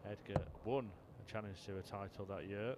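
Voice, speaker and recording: A man giving measured, understated and informative sports commentary on a darts match. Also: fairly low pitch, heavy background noise.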